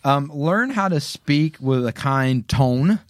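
A man co-hosting a faith podcast, giving earnest advice point by point with deliberate pauses. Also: mid-range voice, animated, no echo, studio quality. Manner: earnest, lists points slowly with emphatic pauses. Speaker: podcast co-host offering pastoral advice. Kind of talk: casual faith podcast chat.

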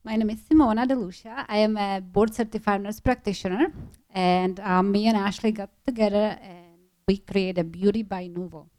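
A woman in her forties from the Czech Republic with a Czech accent, a nurse practitioner who answers in a relaxed, slightly hesitant way. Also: medium pitch, moderate pace, no room sound. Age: 40s.

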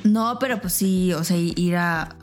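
A woman's voice: on the low side, a little slow, soft background music. A woman with a Mexican accent, casually telling an anecdote on a podcast and acting out the voices in it. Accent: Mexican Spanish. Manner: animated, acts out voices in her anecdote. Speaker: podcast co-host. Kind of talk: casual storytelling chat.

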